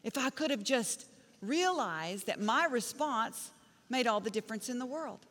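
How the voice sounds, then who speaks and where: A woman's voice: fairly high pitch, expressive, moderate pace, a bit bright. A middle-aged woman pastor preaching a sermon, telling stories with emphatic, punchy repeated phrases. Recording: long reverb of a large hall.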